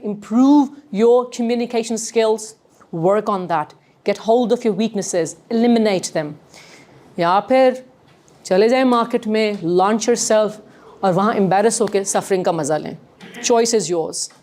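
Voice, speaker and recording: A woman teaching a workshop on communication, switching between English and Urdu in quick, lively bursts. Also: fairly high pitch. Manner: animated, mixes English and Urdu, rapid bursts. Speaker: communication skills trainer.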